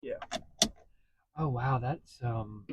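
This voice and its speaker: A man casually telling stories in a vlog from inside his parked vehicle, getting animated as he retells what happened. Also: medium pitch, drawn-out words, highs cut off, very noisy. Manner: chatty, animated when retelling a story. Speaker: vlogger.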